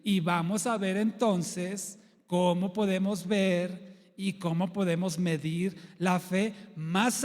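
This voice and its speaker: A man's voice: high voice, big-room sound. A man preaching a sermon as pastor in a church, teaching through a string of rhetorical questions.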